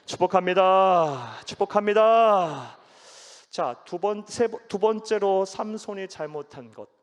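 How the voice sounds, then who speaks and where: A man's voice: fairly high pitch, a little mellow. A man preaching in a church sanctuary, his slightly raised voice carrying a long hall reverb. He preaches with emphasis, acts out the voices of people in the story, and keeps asking the congregation questions. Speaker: pastor. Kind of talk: sermon.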